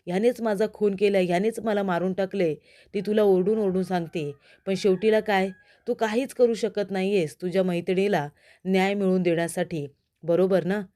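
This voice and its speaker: A woman's voice: medium pitch, dark tone, natural voice. A woman reading a gloating, smug male villain. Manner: taunting, mocking.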